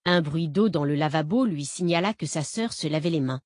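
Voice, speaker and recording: A woman narrating an audiobook in an even, measured reading voice. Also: low-pitched, no room sound.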